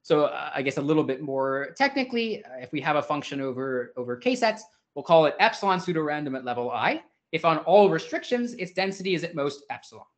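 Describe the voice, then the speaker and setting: A man with a slightly high voice delivers a theory seminar in an informal, thinking-aloud way. He hedges with "sort of" and corrects himself mid-sentence as he explains. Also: sing-song, a little fast. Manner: informal, hedging with "sort of" and restarts. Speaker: invited speaker. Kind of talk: academic seminar lecture.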